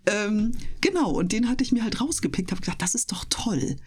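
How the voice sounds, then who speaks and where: A woman being interviewed, who works as a voice performer and live reader, chats casually and explains things at length like a talkative storyteller. Her mid-range voice is a little mellow and husky, fairly quick, with big swings in pitch.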